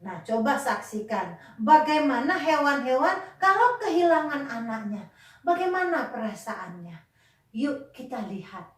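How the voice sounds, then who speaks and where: A woman teaching a Sunday school lesson to children, gentle and coaxing, asking them questions and sighing with sympathy. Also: sits high, very animated, unhurried. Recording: echoey room with faint music.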